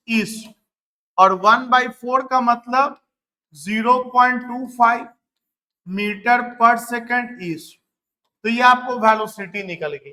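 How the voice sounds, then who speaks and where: A man's voice: very high-pitched, bright, forceful tone. A man teaching a physics lesson, asking his students questions and answering them himself, and repeating key numbers. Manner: motivational asides to students. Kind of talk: classroom physics lecture.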